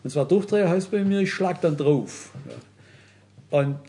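A man's voice: high-pitched, measured pace, dark tone. A man preaching a sermon, earnestly addressing his listeners and often turning to them directly.

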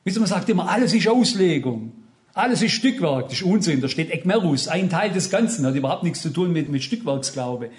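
A man's voice: fairly high pitch, animated, fairly quick. A man preaching an earnest, emphatic sermon, speaking directly to his congregation. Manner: retells an anecdote with dialogue.

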